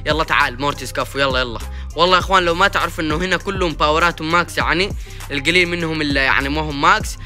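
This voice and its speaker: Fast, bright young man commenting on gameplay. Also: a little high, soft background music. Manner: fast excitable chatter, sing-song cheering and groaning. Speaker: gaming YouTuber.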